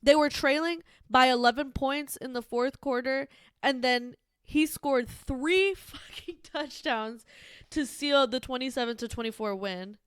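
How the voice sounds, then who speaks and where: Brief: female podcast co-host, casual sports chatter, bright-pitched and smooth, dry close sound, lots of "like" and cursing. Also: measured pace, no echo. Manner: rambling, swears freely, many fillers.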